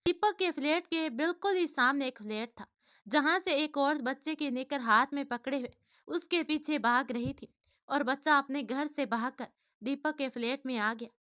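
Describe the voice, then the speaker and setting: A woman narrating a family story in a plain, steady storytelling way. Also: sits high, normal speed, no room sound, studio quality.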